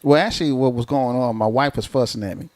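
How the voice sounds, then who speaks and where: A man with a Southern American accent and a mid-pitched voice chats casually as a podcast co-host. His talk is blunt and slangy, in a plain country-boy way. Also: fast talker, darkish tone, no room sound. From southern United States. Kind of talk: casual chat.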